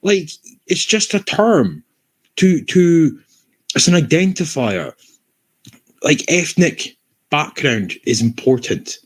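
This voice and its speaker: A man's voice: fairly high pitch, sing-song, takes it slowly, pauses often. A Scottish man hosting a livestream discussion, blunt and swearing, restarting his sentences often.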